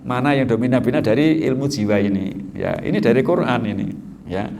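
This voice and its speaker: A middle-aged man giving an Islamic study lecture in a lively, joking way, acting out children's voices. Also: mid-range voice, a little fast. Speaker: preacher.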